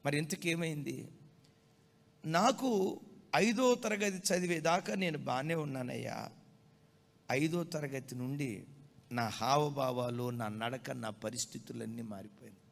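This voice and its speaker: A male pastor telling a story in a sermon, swinging from hushed tones to loud, emotional passages. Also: medium pitch, measured pace, gravelly, long pauses, in a large hall.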